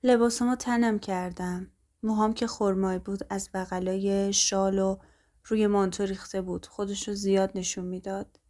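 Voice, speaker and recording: A woman tells a first-person story at a mid pitch, calm and even. Her reading is steady and scripted, like a narrated audiobook.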